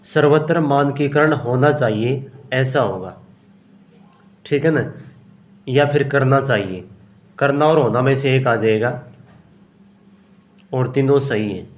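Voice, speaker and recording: A man teaching exam-prep grammar, working through each question aloud and answering his own questions. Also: mid-range voice. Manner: explains step by step, asks and answers himself; slow and unhurried, often says "okay". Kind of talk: solving a grammar test aloud.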